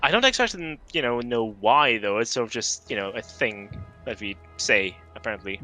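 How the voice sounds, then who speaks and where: Bright-voiced man playing a game. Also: medium pitch, moderate pace, soft background music. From Norway. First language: Norwegian. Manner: relaxed, hedging, thinks aloud with many fillers. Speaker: game streamer. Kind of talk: casual gameplay chat.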